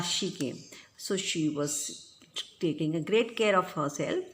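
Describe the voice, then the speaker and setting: A woman, teaching a class. She reads a children's story a line at a time, then explains it in simple words and gives the characters' shouts some energy. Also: lowish voice. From India. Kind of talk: reading and explaining a textbook story.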